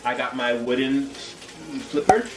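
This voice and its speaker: A man's voice: medium pitch, steady tone, slow pace. Tipsy man rambling in an echoey kitchen. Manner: tipsy, loose and rambling, losing track mid-sentence. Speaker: home cooking show host. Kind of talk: casual chat to camera while cooking. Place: home kitchen. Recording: roomy echo, distant mic, music behind.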